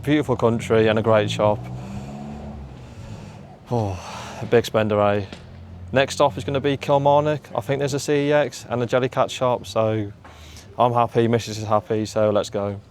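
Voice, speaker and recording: A man's voice: mid-range voice, steady tone, a little fast, slight background noise. A young man chatting casually on a travel vlog, tired from a long drive. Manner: chatty, tired, self-deprecating. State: worn out from driving. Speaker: game collecting vlogger.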